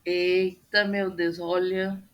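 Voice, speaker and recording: A woman's voice: fairly low pitch, flat delivery, slow, highs cut off. A woman teaching a class over a video call, explaining step by step with patient fillers. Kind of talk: online class lecture. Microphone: computer mic on a video call.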